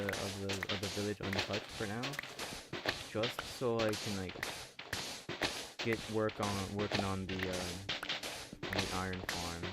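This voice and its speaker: A man streaming a game, chatting casually and rambling with many restarts, a little out of breath. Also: fairly low pitch. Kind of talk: casual game livestream chat. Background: music.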